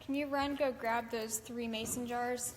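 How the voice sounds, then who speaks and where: An easygoing woman morning host, her voice sitting a little high for a woman. She chats casually and organizes her crew. A long echo trails her words, with steady room noise from the large newsroom behind her. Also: measured pace. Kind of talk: casual off-air chat. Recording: reverberant newsroom with background noise.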